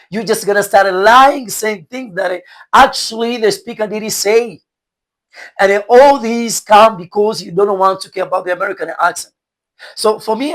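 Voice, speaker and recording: A man's voice: sits high, fairly bright tone. A man from Rwanda with a Rwandan accent lectures his viewers directly as an English teacher, earnest and exhorting, often repeating his points. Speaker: English teacher and online content creator.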